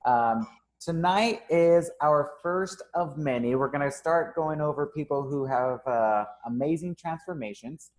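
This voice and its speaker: Filler words like um and uh pepper the speech of this young man, a gym owner running a casual, upbeat live interview. His voice is fairly high and unhurried, captured in a rough recording.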